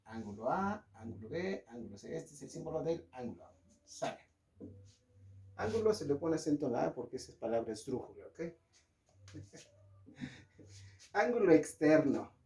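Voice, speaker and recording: A man teaches a casual online math lesson, joking as he draws and checking in with students by asking "¿sí?" and "¿ok?". His voice sits on the high side with a darkish tone, and his manner is chatty and jokey.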